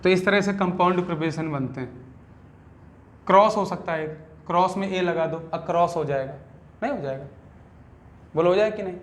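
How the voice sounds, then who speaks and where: A man from India with a Hindi accent teaches a classroom grammar lesson. His voice sits high, and he keeps pausing to quiz his students with short questions. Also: slight background noise. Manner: keeps asking the class quick check questions.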